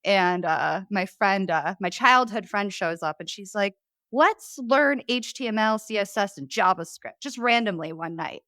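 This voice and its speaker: Born in Poland and raised in Chicago, a woman talks casually as a podcast guest, chatty and laughing often, with a slight Chicago accent. Her medium-pitched voice is lively and sharp in tone, and she speaks a little slowly. The recording is dry and studio quality.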